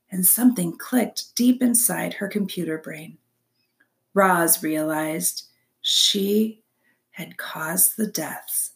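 Gravelly woman reading a story aloud. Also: lowish voice. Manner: expressive, drops to soft whispers for suspense, asks listeners questions.

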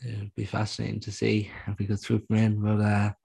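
A man's voice: on the low side, completely flat delivery, fairly quick, gravelly, mellow, husky. An Irish man hosting a sports show in a casual panel-chat style.

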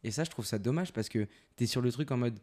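A man's voice: mid-range voice, fast talker, darkish tone. A man hosting a podcast, chatting casually in slangy speech and asking his guests questions. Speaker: podcast host.

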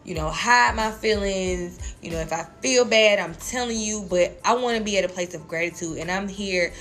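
A woman co-hosting a podcast speaks at a middle pitch, earnest and reflective with a playful edge. Faint music plays underneath. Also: moderate pace, fairly bright tone. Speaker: podcast co-host. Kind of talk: casual chat.

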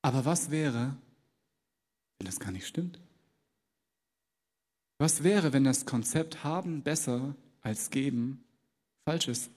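Amid the long reverb of a large church, a man preaches a sermon in a casual, conversational way, slipping into little acted dialogues. His mid-range voice is expressive and a little mellow, and he speaks slowly with frequent pauses.

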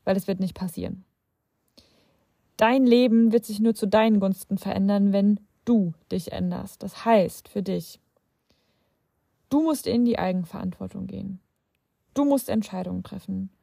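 A woman's voice: medium pitch, moderate pace, creaky, pauses often, dark tone, dry recording, studio quality. A young adult woman hosting a self-help podcast, talking straight to the listener in a reflective, conversational way with some hesitant restarts. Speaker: podcast host.

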